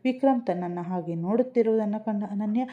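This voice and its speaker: A woman narrating a love story in scripted, even, descriptive storytelling. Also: medium pitch, fairly quick, highs cut off.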